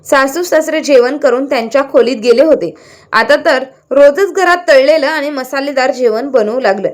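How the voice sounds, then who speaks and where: A woman narrates a scripted moral story in a steady, dramatic storytelling manner. Her voice sits high. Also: normal speed.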